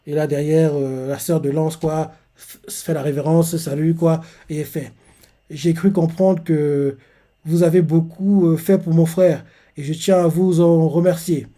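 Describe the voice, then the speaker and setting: Slightly high-voiced man narrating manga panels. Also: steady tone, unhurried, warm tone. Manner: hesitant, full of "euh", narrating panel by panel. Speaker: manga reaction youtuber. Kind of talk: live reading and recap of a manga chapter.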